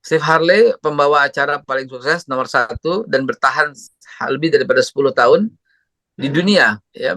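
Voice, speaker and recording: A man's voice: mid-range voice, pushed and bright, no room sound. A man who preaches a parenting talk and tells stories animatedly, acting out voices. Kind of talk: religious parenting talk with storytelling.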